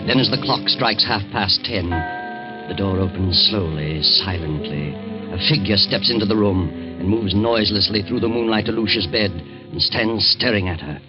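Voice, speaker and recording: Actor playing the Whistler, sinister low-voiced narrator. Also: male voice, moderate pace, close to an everyday voice. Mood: ominous. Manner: ominous, theatrical storytelling. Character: the Whistler, sinister all-knowing male mystery narrator. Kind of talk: 1940s radio mystery narration. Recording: muffled vintage 1940s radio recording. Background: eerie music.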